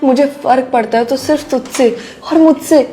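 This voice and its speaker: A woman plays a brazen young married woman in a melodramatic web drama, her voice sitting a little high as she presses her case and scolds those around her. Faint music runs under the scene. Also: moderate pace, mellow, natural voice. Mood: insistent. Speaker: daughter-in-law character. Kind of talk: scripted Hindi short-drama acting.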